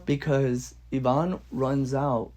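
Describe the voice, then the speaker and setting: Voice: medium pitch, steady tone, takes it slowly, darkish tone. A podcast panelist critiquing a film, asking pointed questions with emphasis. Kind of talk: casual film discussion.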